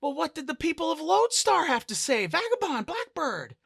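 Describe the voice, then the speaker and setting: A man voicing an anxious, excitable female crew friend in a spoken space role-play game, exclaiming in alarm. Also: deep voice, normal speed, husky, no room sound, studio quality.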